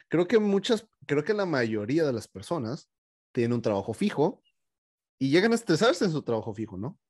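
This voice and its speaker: A man's voice: medium pitch, no room sound. Slangy man telling stories, dry sound. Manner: anecdotal, slangy, animated storytelling. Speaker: recruiter. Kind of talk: casual conversation.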